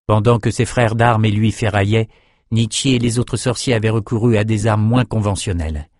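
Brief: male audiobook narrator, low voice, steady and measured, dry close sound. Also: no echo. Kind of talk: scripted fantasy narration.

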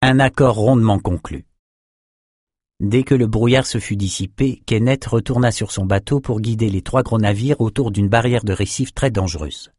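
A man reading an adventure story aloud in a measured storytelling voice. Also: fairly low pitch, darkish tone, husky, no room sound, clean studio sound. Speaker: audiobook narrator. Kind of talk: scripted narration.

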